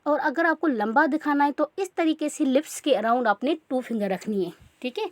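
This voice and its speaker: A woman's voice: high voice, normal speed, a little mellow, dry recording. A woman teaching a makeup class in a chatty tutorial style, often checking in with her listeners. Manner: chatty, repeats "theek hai" often. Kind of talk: casual tutorial instruction.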